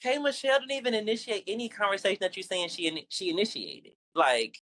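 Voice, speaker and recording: A woman co-hosting a casual reality TV recap, animated and quick to mimic the cast. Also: mid-range voice. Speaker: podcast co-host.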